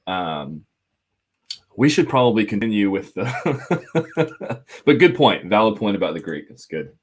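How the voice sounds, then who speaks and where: A man co-hosting a casual podcast discussion, animated and quick to laugh. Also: lowish voice, slightly rough. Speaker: podcast co-host.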